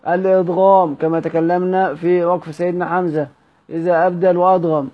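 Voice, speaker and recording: Egyptian-accented male teacher, higher register, repetitive quizzing delivery; muffled lo-fi recording. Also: flat delivery, fairly quick. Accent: Egyptian Arabic. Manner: repeats key words, quizzes listeners with rhetorical questions. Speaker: Quran recitation teacher. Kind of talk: Egyptian Arabic lesson on recitation rules.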